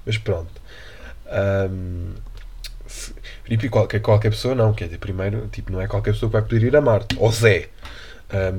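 A man's voice: on the low side, darkish tone, slight background noise. A young man from Portugal with a European Portuguese accent, hosting a casual solo podcast in a rambling, slangy, joking way. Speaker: podcast host.

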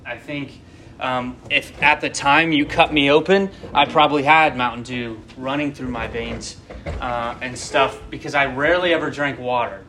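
A man's voice: mid-range voice, fairly even intonation, moderate pace, sharp tone, a little hiss or hum. A man in his twenties giving a casual, rambling sermon and talking straight to his listeners. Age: 20s. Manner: rambling, conversational, addresses listeners directly. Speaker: preacher.

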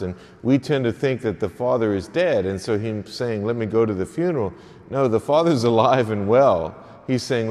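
A man's voice: mid-range voice, a little mellow. A man serving as a priest, reading the gospel and then preaching to an early morning Mass in a church. He speaks in an earnest, plain manner and sometimes repeats a word as he goes. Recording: long echoing church reverb.

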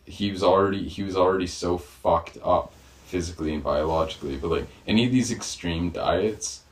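A man co-hosting a podcast, chatting casually and swearing offhand. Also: a little fast. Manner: low-key, swears casually. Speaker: podcast co-host. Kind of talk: casual chat.

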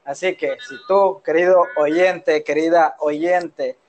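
Playful high-voiced Yucatecan man. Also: fairly even intonation, slow pace. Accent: Yucatecan Mexican. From Mexico, Yucatán. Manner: playful, rambling, drifts between accents. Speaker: podcast co-host. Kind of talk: casual podcast chat. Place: his own room at home. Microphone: phone.

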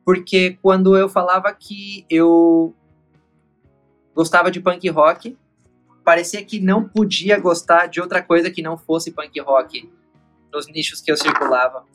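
Man, from Mexico, musician guest, lively, self-deprecating, at home, faint music behind. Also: sits high, measured pace. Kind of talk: casual interview. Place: home in a busy city centre.

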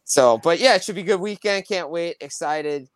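A man with a smooth, clear and slightly high voice chats casually about sports. The sound is close and dry. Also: moderate pace, no echo.

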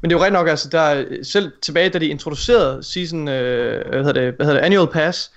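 Rambling podcast co-host man, dull audio. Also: fairly high pitch. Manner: fast, rambling, with restarts. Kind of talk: casual gaming podcast chat.

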